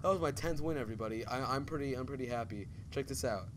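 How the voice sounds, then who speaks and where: A man casually commentating a video game with a friend, excitable, shouting when things go well and mumbling when calm. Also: medium pitch, fast talker, background noise. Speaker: channel host playing a video game.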